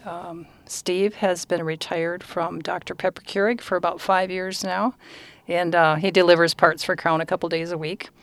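A woman's voice: on the low side, level tone, normal speed, no room sound. A woman in her sixties, a guest on a podcast, talking about her life in a brief, matter-of-fact way. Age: 60s. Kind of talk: casual chat.

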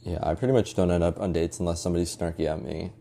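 A young man with a very low, dark voice chats casually as a podcast guest. His delivery is dry and sarcastic as he tells stories. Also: steady tone, very fast, vocal fry, slight background noise. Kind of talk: casual chat.

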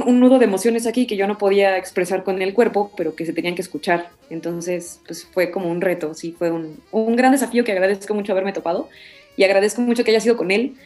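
A voice actress, talking casually in an interview and acting out the quotes in her story. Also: medium pitch. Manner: animated, many fillers, acts out quotes.

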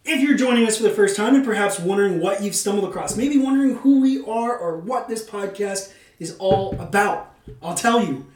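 A man with a high, lively voice and a darkish tone hosts a podcast at normal speed. He blends semi-scripted narration with casual, playful banter and theatrical phrasing, recorded on a distant mic in a roomy, echoing space.

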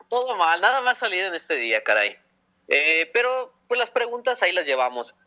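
Very bright man asking questions. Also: high voice, sing-song, a little fast. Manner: rambling, repeating his question. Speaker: podcast co-host. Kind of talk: casual podcast chat.

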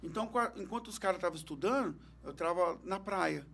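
A man's voice: high voice, animated, brisk, gravelly, a bit bright, slight background noise. A man, a stand-up comedian telling brash, crude stories in a podcast interview. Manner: brash, joking, crude humor. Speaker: stand-up comedian and radio host. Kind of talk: comic storytelling in a podcast interview.

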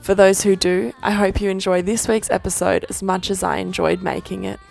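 A woman's voice: mid-range voice, flat delivery, brisk, vocal fry, over music. A woman hosting a casual interview podcast, talking in a chatty way with plenty of fillers and small laughs. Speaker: podcast host.

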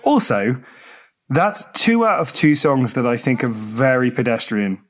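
A man's voice: medium pitch, expressive, measured pace. A man co-hosting a podcast, chatting casually about a film, blunt and exasperated. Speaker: podcast co-host.

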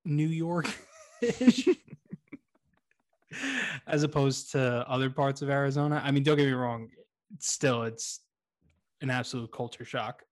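A man's voice: mid-range voice, flat delivery, a little slow, pauses often. A man co-hosting a podcast in casual comedic banter, joking, swearing and poking fun at himself. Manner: profane, joking, self-deprecating. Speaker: podcast co-host.

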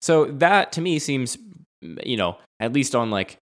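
A man's voice: medium pitch, lively intonation, measured pace. Laid-back man reasoning his point. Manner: reasoning, laughs often. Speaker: podcast co-host. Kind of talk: casual conversation.

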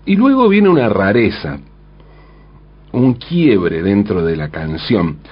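A man's voice: fairly low pitch, big pitch swings, slow, husky, dull audio. A man, talking through a song's lyrics in a thoughtful way, often asking rhetorical questions. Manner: thoughtful, frequent rhetorical "¿no?", self-corrections. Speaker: commentator analyzing song lyrics. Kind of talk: spoken lyric analysis, measured and reflective.

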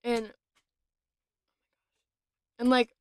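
A woman's voice: a little high, little pitch movement, very slow, a little mellow, clear, resonant tone, no echo. A young woman co-hosting a podcast, telling a story casually and filling it with "like" and "um". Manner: chatty, many fillers and likes. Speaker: podcast co-host.

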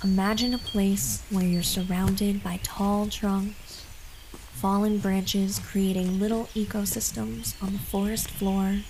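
A woman host narrating a scripted guided meditation in a calm, gentle, soothing and unhurried manner. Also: medium pitch, background noise. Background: background music.

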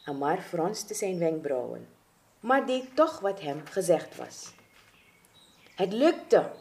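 A woman reading a children's story aloud in an expressive, dramatic way. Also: on the low side, slow, vocal fry.

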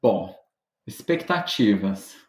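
A man's voice: on the low side, animated, slow pace, a little hiss or hum. A Brazilian man with a Brazilian Portuguese accent, a guest chatting casually on a podcast as a joking, self-mocking storyteller full of fillers. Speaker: podcast guest, medical educator. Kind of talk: casual interview chat. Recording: roomy echo.

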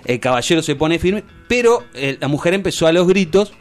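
A man's voice: fairly quick, faint music behind. A young Uruguayan man with a Uruguayan Spanish accent, hosting a radio show and telling a story in casual chat, acting out dialogue. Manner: animated, acts out dialogue in a low voice.

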